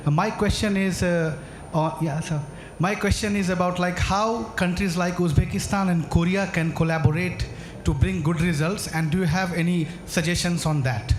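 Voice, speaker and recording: Male reporter, hesitant and slightly high-voiced; echoey room. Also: fairly even intonation, moderate pace, hardly any pauses. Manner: hesitant, many fillers. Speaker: journalist asking a question. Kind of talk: audience question at a conference. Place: conference hall. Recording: echoey hall, faint noise.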